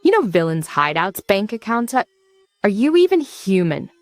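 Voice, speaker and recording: A woman's voice: medium pitch, big pitch swings, normal speed, no room sound, close to an everyday voice. A woman voicing a puzzled young female student who is secretly a hero, muttering suspiciously.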